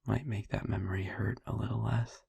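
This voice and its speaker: A heavily acted vampire-boyfriend roleplay: the man's character is gentle, wistful, young and haunted by his past, and he speaks with tender hesitation, slowly, leaving pauses. His voice is low, gravelly, husky and breathy, kept to a steady tone. The close, dry microphone picks up no room sound.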